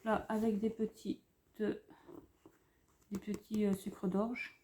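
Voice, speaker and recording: Chatty French woman with a mellow voice. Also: medium pitch, flat delivery, slow pace, slight background noise. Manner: chatty and rambling, many fillers and restarts; softly gushing over cute items. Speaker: craft vlogger showing a haul. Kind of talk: casual haul commentary. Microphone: camera on a tripod.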